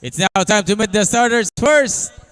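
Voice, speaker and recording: High, clear-voiced Filipino male arena announcer. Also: lively intonation, fairly bright tone. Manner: showy, drawn-out calling of names. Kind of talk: formal stadium announcement of player introductions.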